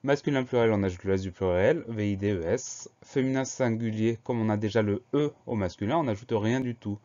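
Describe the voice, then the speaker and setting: A man teaching a spelling lesson, who explains each word slowly and spells it out letter by letter. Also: fairly low pitch, dark tone, dull audio. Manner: slow, spells words letter by letter.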